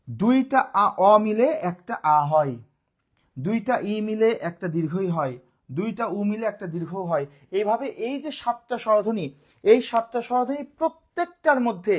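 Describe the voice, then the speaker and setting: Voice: medium pitch, very animated, normal speed. A grammar teacher, giving a live online lesson, who often asks the class a question and answers it, repeating key points.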